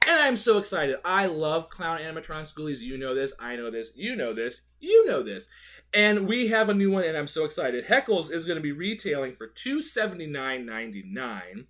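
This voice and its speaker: A man hosting a video show, giving gushing, excitable product commentary. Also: fairly high pitch, a little fast, few pauses. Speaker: host of a Halloween animatronic video show. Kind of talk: enthusiastic product commentary with read-out descriptions.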